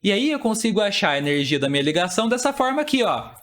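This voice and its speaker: A man's voice: high-pitched, sing-song, quick pace, fairly bright tone. A young man teaching an exam-prep chemistry lesson, explaining step by step and asking and answering his own questions.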